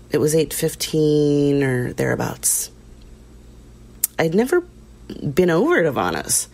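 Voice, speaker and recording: With a low, darkish voice, an actress plays a weary, uneasy small-town woman giving testimony in an audio drama. She recollects hesitantly and plainly, confiding, with pauses.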